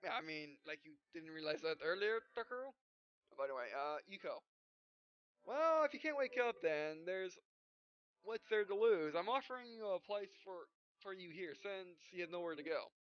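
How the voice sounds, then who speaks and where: With a high-pitched, smooth and expressive voice at normal speed, a gaming video host reads game lines aloud in his let's play. His delivery rambles and stumbles, studded with filler syllables and asides, over game music on a muffled lo-fi mic.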